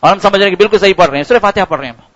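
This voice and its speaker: A man's voice: sits high, a bit bright, dull audio. A man giving a Ramadan sermon, earnest and repetitive, his voice rising sharply for emphasis. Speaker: preacher.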